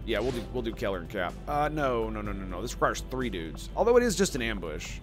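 A man's voice: lowish voice, big pitch swings, quick pace, over music. A man casually commentating his strategy game on a live stream, swearing and groaning at his own mistakes.

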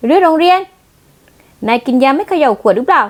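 A woman's voice: high-pitched, lively intonation, rapid-fire, breathy edge. A woman doing a feisty snappy young heroine. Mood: indignant. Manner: snappy, indignant. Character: feisty sharp-tongued young woman executive.

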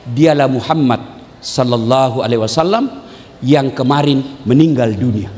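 A man voicing a calm, soft-spoken older man, a devoted companion. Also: mid-range voice, normal speed, pitched below the performer's own voice, close to an everyday voice. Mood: gentle. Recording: echoey hall.

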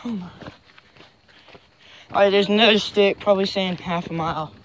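A teenage boy vlogging in casual chat while hiking a dark trail at night, excitedly calling out to his friends, recorded on a handheld phone. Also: high-pitched, normal speed. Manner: excited, slangy, calls out to friends. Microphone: phone camera held while walking. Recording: noisy outdoor phone recording.

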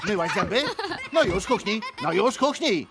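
An actor dubbing a grumpy middle-aged male supervillain in an animated film, speaking in a gruff, exasperated, sarcastic way. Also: high-pitched, normal speed. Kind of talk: animated film dub acting.

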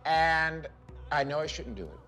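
A man's voice: a little high, lively intonation, measured pace, pushed and bright, soft background music. A man giving rambling, neurotic first-person comic narration in a mockumentary. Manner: neurotic, self-absorbed, rambling.

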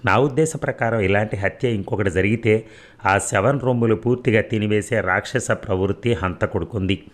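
A man's voice: lowish voice, moderate pace, lightly acted. A man voicing a matter-of-fact male doctor who explains findings in a clinical way.

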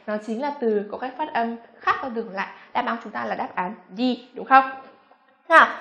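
A young Vietnamese woman teaching English pronunciation, modeling words slowly and quizzing her students. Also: high-pitched, fairly bright tone. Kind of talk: classroom pronunciation lesson.

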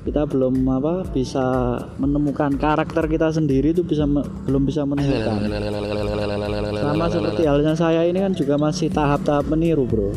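A man's voice: on the high side, brisk, over music. A young man vlogging from a motorbike in city traffic, hesitant and repetitive, calling the viewer "bro" a lot. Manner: hesitant, repeats himself, says "bro" a lot. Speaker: motovlogger. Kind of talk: casual motovlog talk while riding.

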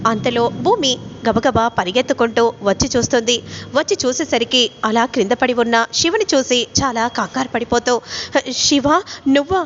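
A woman retelling a TV serial episode, narrating scenes and reading out each character's dialogue. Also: brisk. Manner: retells scenes with quoted dialogue, rising pitch in emotional lines. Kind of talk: storytelling recap of a TV serial, voicing all characters. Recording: slightly dull audio with faint noise.

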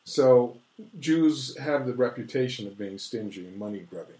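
A man's voice: mid-range voice, lively intonation, normal speed, darkish tone. Man explaining at length in a roomy room. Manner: lecturing, many restarts. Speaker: author guest. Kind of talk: casual interview chat. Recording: roomy echo.

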